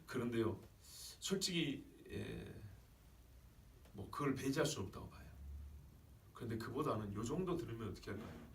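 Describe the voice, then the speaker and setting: A man's voice: mid-range voice, lively intonation, moderate pace, creaky, pauses often, a little hiss or hum. A man preaching a sermon as pastor, emphatic and often putting questions to his congregation. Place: church sanctuary. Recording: roomy church sound from a distant mic.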